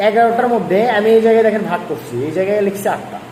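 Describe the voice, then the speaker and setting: Talking very fast in a high-pitched, darkish voice, a male language teacher gives an online lesson. He's a repetitive, coaxing explainer who patiently goes back over points and pushes students to practice; the room echoes and there's faint noise.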